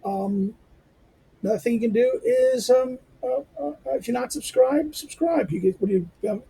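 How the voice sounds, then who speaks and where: A hoarse lecturer and channel host gives an informal, rambling outro to a reading lecture, tripping over fillers and restarting sentences. His voice sits high for a man and is squeaky, with a rough, gravelly edge and a dark, mellow tone. He speaks at a moderate pace, and the recording is low quality.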